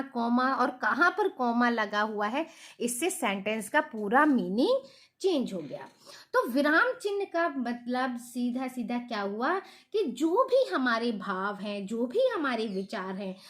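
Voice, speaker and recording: A middle-aged woman teacher giving a patient grammar lesson to children, asking questions and repeating the key points. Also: fairly high pitch.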